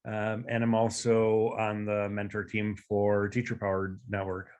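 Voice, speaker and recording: A man's voice: fairly low pitch, completely flat delivery, unhurried, a little mellow, dull audio. A man who directs a school, introducing himself on a video call in a friendly, rambling way.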